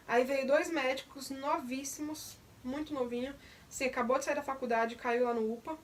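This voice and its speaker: A woman's voice: sits high, fairly bright tone, distant mic. A young woman, candidly recounting a personal testimony in detail. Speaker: vlogger. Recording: voice a bit off the mic.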